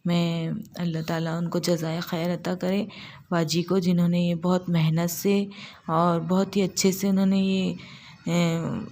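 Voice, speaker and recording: A woman teaching Quran recitation step by step, patiently repeating syllables slowly and drawn out. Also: lowish voice, darkish tone, slight background noise. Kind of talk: step-by-step tajweed lesson.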